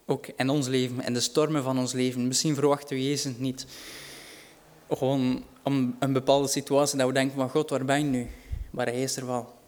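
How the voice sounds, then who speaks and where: A man's voice: mid-range voice, little pitch movement, normal speed, a little mellow. A man preaching a sermon, earnest and reassuring, rising in volume for dramatic quotes.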